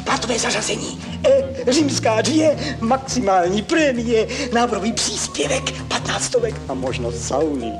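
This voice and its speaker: An actor in a 1970s film comedy playing a smooth, wheedling recruiter luring a worker away. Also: male voice, very high-pitched, big pitch swings, few pauses, music in the background. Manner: smooth-talking, wheedling salesman. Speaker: staff recruiter.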